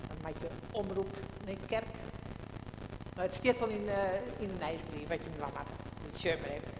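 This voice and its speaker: Woman pastor in cathedral-like echo. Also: fairly low pitch. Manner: calm, measured liturgical speech. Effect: cathedral-like echo with long reverb. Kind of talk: church service liturgy and prayer. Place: large church. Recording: echoey church livestream, audible room noise.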